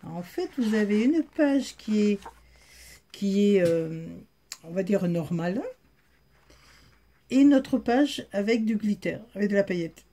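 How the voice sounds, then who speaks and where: A woman's voice: mid-range voice, lively intonation, measured pace, pauses often, dark tone, a little hiss or hum. A woman with a Southern French accent, chatting casually to her viewers as she shows off a haul, with frequent fillers. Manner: chatty, filler-heavy, addresses viewers directly. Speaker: haul vlogger. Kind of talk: casual show-and-tell chat.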